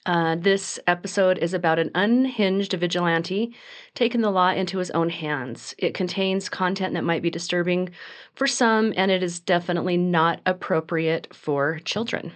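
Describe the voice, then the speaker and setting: Low-voiced woman narrating true crime. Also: normal speed. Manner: reads from notes with small slips and restarts. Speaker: true crime podcast host.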